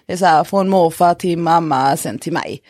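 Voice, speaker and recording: A woman telling a story in a casual podcast chat, animated, with lots of fillers and the odd swear word. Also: lowish voice, dry recording, clean studio sound.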